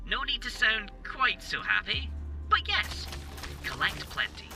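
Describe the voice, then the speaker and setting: A cautious, fussy robot companion, with a gravelly creak to the voice. It speaks dryly and instructively, sounding a little distant under clear music. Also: mid-range voice, very animated, unhurried. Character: wary, dry, fussy robot companion guiding an explorer. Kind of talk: video game voice acting.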